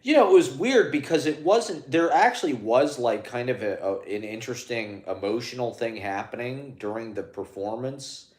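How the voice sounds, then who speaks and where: Speaking to his phone, a clown performer delivers a loose, rambling monologue full of fillers, false starts and hesitations. He has a medium-pitched, slightly mellow voice in a roomy space.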